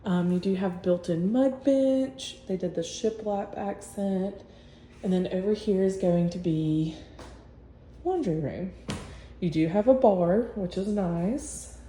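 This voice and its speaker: A woman's voice: medium pitch, takes it slowly, dark tone. Chatty woman in echoey empty house. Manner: chatty, matter-of-fact, points things out room by room. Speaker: real estate agent. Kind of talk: casual home-tour walkthrough. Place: empty new-built house, indoors. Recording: echoey empty rooms with long reverb, faint hum.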